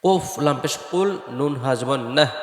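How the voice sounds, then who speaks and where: A man teaching Quran recitation, spelling words out letter by letter and then chanting them slowly. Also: fairly high pitch. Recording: echoey room with long reverb, faint music.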